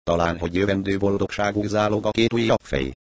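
Guy reading a cocky cynical adventurer in an audiobook, low voice, dry sound, brushing everything off. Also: fairly even intonation, no room sound, natural voice. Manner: dismissive, sarcastic. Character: brash cynical male adventurer, shrugging off blame.

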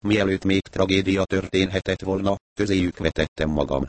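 Deep-voiced male audiobook narrator. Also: fairly even intonation, dry recording. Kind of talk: first-person novel narration.

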